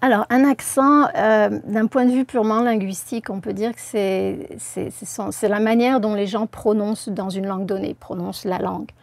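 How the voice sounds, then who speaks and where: A woman's voice: medium pitch, steady tone, creaky, no echo. Woman, linguistics professor, careful, hesitant, dry recording. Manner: careful, measured, many hesitations. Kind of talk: explanatory interview answers.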